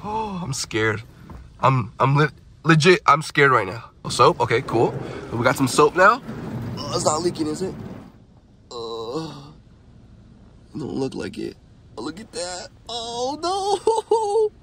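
Slow and sing-song, a slightly high male voice leaves long pauses, with background noise throughout. A young man vlogs casually to viewers from his truck in a car wash, holding a phone camera and breaking into nervous yelps and laughs.

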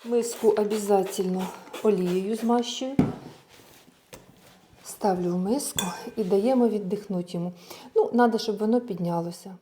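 A woman's voice: medium pitch, moderate pace, long pauses, noisy background. A woman giving a casual cooking tutorial, chatting through each step as she works and mixing Russian words into her speech. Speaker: home cook showing a recipe.

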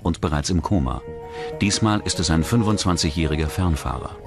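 As narrator of a true-crime documentary, a man reads scripted narration in a low, expressive voice with vocal fry, moving at a fairly quick pace. Music plays beneath him as a bed throughout.

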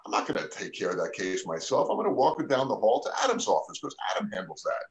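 A man's voice: fairly low pitch, wildly swooping pitch, fast talker, rough recording. A man, an immigration attorney talking on a live radio show, casual and emphatic, says he is losing his voice. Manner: conversational, lots of "you know" and "all right?".

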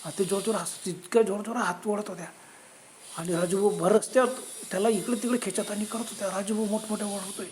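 Dark-voiced male horror storyteller. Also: sits high, steady tone, fast talker, a little hiss or hum. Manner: conversational, dramatic exclamations.

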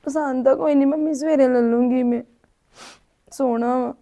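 An actress playing a tearful young daughter-in-law who hides her hurt, speaking quietly and hesitantly. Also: high voice, steady tone, normal speed. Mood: subdued. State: crying. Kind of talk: family drama acting.

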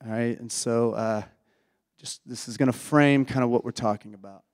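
A man, a pastor whose voice is hoarse from illness, praying and preaching in an earnest, folksy way that often restarts phrases. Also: medium pitch, fairly even intonation, normal speed, a little mellow. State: hoarse, losing his voice. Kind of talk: sermon with opening prayer. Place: church sanctuary. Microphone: handheld or stage mic. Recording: dry close mic with long hall reverb.

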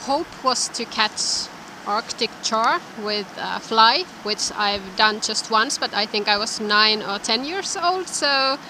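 A young woman vlogging about fly fishing beside a mountain river, talking casually into a handheld camera. She sounds enthusiastic and often repeats her words. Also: medium pitch. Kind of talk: casual outdoor vlog talk. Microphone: handheld camera close to her face. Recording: outdoor wind noise, background music.

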